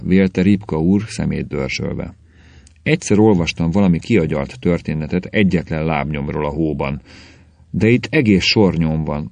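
A man with a very low voice reads a short story aloud at a steady, measured pace. The recording is dry and close, with no room sound around him. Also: dry recording. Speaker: narrator. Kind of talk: audiobook reading of a short story.

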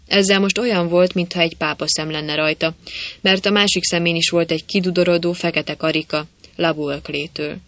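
A man reading a novel aloud as an audiobook narrator, telling it in a lively way. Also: a little high, dry recording. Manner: lively storytelling, voicing quoted characters. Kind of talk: scripted narration.

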